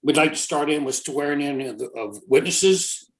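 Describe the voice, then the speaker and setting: A man's voice: a little high, animated, normal speed. A man chairing a formal public meeting, reading out procedure and oaths in a rote, official manner. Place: remote video meeting. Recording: roomy, echoing sound.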